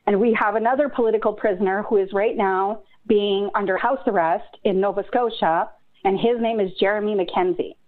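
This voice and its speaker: A woman's voice: mid-range voice, steady tone, brisk. Woman from Canada, phone-in caller, earnest and urgent, tinny line. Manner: earnest, urgent, getting emotional. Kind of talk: phone-in call.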